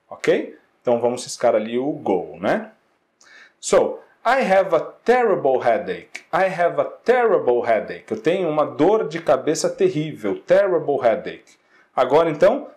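A Brazilian man with a Brazilian Portuguese accent, teaching an English lesson. He says English phrases slowly and explains them in Portuguese, checking in often with "né?" and "ok?". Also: on the high side, darkish tone. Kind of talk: classroom-style lesson correcting exercises.

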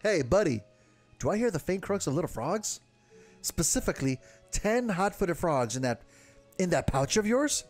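A man's voice: sits high, sing-song, moderate pace, soft background music, pitched above the performer's own voice. Man voicing a flustered lovesick village guard, Manny. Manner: flustered, blurting then covering up. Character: lovesick nervous young male village guard. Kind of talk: reading game dialogue aloud.

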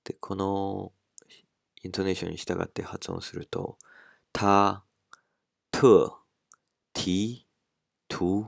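A man with a very low, gravelly voice gives a language lesson in an easy spoken manner. He goes slowly, stretching out each syllable as he drills the sounds. The recording is dry and close. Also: no room sound. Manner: slow, careful, drawn-out pronunciation drills. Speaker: language teacher.

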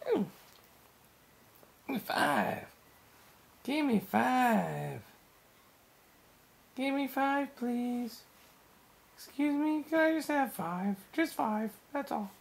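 A woman playing with a baby at home, in high, sing-song baby talk that coaxes and squeals. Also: lively intonation, very slow, vocal fry, pauses often.

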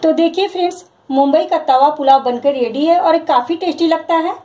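High-voiced woman narrating a home recipe. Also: brisk, soft background music, rough recording. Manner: calm, instructive, repeats each step. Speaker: cooking channel host. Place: home kitchen, over frying sounds.

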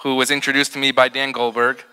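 A middle-aged man, a rabbi, giving a prepared ceremony speech at a podium, telling stories with slowed, emphatic pauses. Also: mid-range voice, flat delivery, bright, forceful tone, clear, resonant tone. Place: large hall with balloon decor. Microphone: podium microphone. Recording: long hall reverb.

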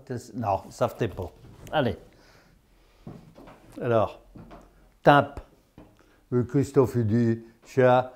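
A man's voice: mid-range voice, darkish tone. A man giving a folksy dialect lesson. He is chatty, tags his lines with "hein?" and laughs at his own jokes. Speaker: patois teacher on local TV.

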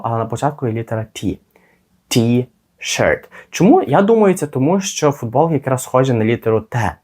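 Teaching spoken English, a man pronounces phrases slowly and deliberately for his listeners to repeat back. His medium-pitched voice has a darkish, slightly rough tone.

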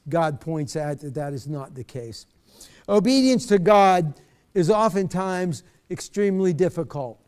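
This middle-aged pastor has a mellow, smooth voice on the higher side. He teaches a bible study from a church stage in a conversational style, often repeating words while he searches for the right ones.

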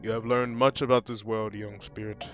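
A man voicing a solemn ancient spirit guide from a fantasy game in a grave, measured, hushed way. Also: fairly low pitch, little pitch movement, lo-fi sound, faint music behind, natural voice.

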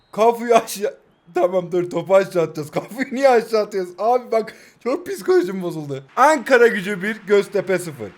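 A young man from Turkey with a high, light voice, chatting as he plays a mobile football game. His banter is joking and self-mocking. When a move builds up he switches to fast, excited play-by-play. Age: 20s. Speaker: mobile football gaming YouTuber. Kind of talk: live gameplay commentary.

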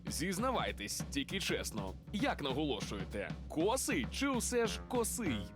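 High, swoopy guy doing a teasing street quiz, music under it. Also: huge pitch swings, normal speed. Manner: playful, teasing quizmaster. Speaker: street reporter. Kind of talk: lively TV voice-over and street quiz.

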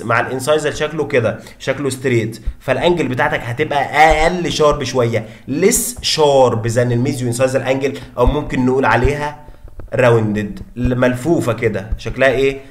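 Rapid-fire Egyptian man tutoring dental anatomy. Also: medium pitch. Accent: Egyptian Arabic. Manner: repeats points, quizzes listeners with rhetorical questions. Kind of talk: fast teaching lecture.

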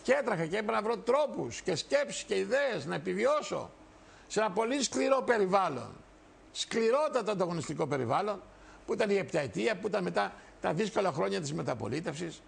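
Older male TV host, 60s, gravelly, fiery, repetitive political speech to camera. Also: sits high, sing-song. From Greece. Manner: emphatic, repetitive, addresses viewers directly. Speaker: TV show host and party leader. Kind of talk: impassioned political monologue.

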